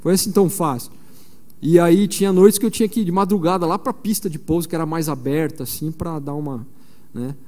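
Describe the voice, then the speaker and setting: A man in his forties from São Paulo, Brazil, delivers a conference sermon at a missionary gathering in a large church, telling stories in a conversational way packed with fillers. His voice sits on the high side and sounds a little mellow, moving at a slightly quick pace. The long reverb of the big church hall carries through the recording.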